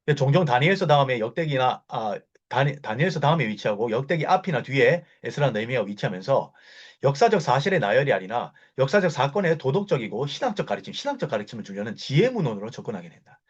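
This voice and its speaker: A man giving a Bible lecture, explaining at length and often pausing with fillers and correcting himself mid-word. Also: medium pitch, very animated, breathy edge. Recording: dull lo-fi recording.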